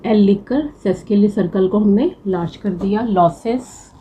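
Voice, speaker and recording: A woman's voice: medium pitch, dark tone, slight background noise, poor audio. A woman teaching a shorthand class, patiently repeating each word to drill it. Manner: patient, repeats words slowly to drill them. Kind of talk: slow classroom explanation.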